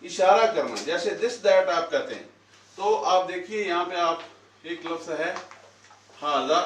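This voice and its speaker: A man leads a Quran lesson at a whiteboard. He keeps asking the class questions and repeats their answers back. The sound comes from across an echoey classroom, with a faint hiss underneath. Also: high voice. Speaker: Quran teacher. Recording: echoey room, voice from far off.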